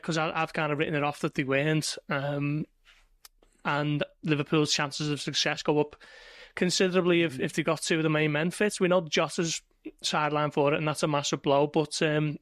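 A man's voice: a little high, a bit bright, no echo, clean studio sound. Chatty male football journalist. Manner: chatty with restarts. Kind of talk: casual football podcast chat.

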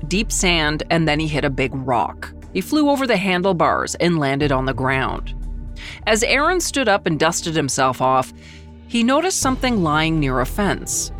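A woman hosting a history podcast, reading scripted documentary narration in a measured storytelling manner. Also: low voice, fairly bright tone.

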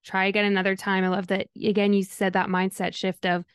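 A woman's voice: medium pitch, flat delivery, fairly quick, clean tone, dry recording, clean studio sound. A young adult woman hosting a podcast in a casual chat, upbeat and chatty, laughing often. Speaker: podcast host.

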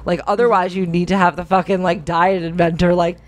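A woman's voice: lowish voice, flat delivery, brisk. A woman co-hosting a podcast in a casual, conversational, wry way. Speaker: podcast co-host.

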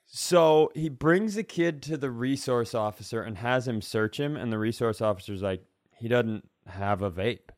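On a comedy podcast, an American co-host tells a funny anecdote in a casual, profane style, acting out snatches of dialogue. The recording is dry and studio-quality, and he speaks at a moderate pace with a medium pitch.

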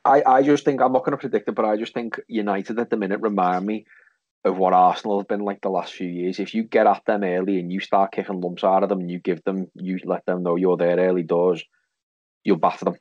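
A man's voice: deep voice, steady tone, fairly quick, darkish tone, dry recording. A man chatting casually and bluntly about football as a podcast guest over an internet call. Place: video call over Skype. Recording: dull, dry internet call audio.

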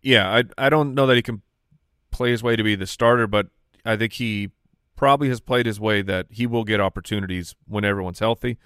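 A man's voice: on the low side, steady tone, brisk, a bit bright, clear, resonant tone, no echo, studio quality. A man co-hosting a fantasy football podcast in casual banter, reeling off player stats. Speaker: podcast co-host. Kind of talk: casual sports chat.

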